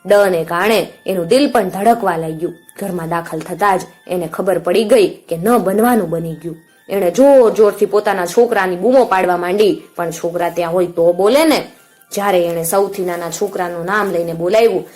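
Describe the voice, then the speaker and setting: Woman narrating a folk tale. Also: lowish voice. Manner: calm, expressive storytelling. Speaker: storyteller. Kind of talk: storybook narration.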